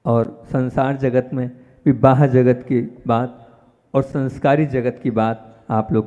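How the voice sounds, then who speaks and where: A man, a Jain monk, giving a sermon and speaking to his listeners directly, with emphatic jumps in pitch and loudness on key words. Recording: dull reverberant hall sound.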